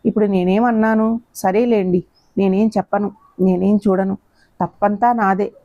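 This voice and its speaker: Woman doing a tearful shy young woman, storybook reading, dark tone, dry sound. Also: medium pitch, fairly even intonation, normal speed, no echo, natural voice. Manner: apologetic, tearful pleading. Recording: dull lo-fi recording.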